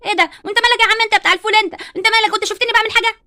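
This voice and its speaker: A woman's voice: very high voice, a bit bright. A woman doing Barbie, bratty Egyptian schoolgirl. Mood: defiant. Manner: cheeky, defiant, quick-talking. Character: mischievous bratty schoolgirl doll. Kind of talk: doll-play storytelling.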